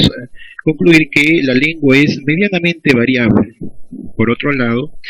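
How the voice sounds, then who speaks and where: A man's voice: medium pitch, fairly bright tone, breathy edge. Man teaching, dull recording. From Peru. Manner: methodical, checks understanding with "¿sí?". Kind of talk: recorded language lesson.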